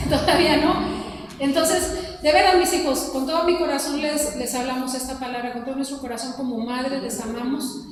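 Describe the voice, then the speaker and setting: A woman's voice: high voice, steady tone, normal speed, a crowd in the background. A middle-aged woman preaching an earnest, exhorting sermon to her congregation. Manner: earnest, exhorting, addresses congregation as "mis hermanos". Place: church hall. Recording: echoey church hall mic from far off with noise.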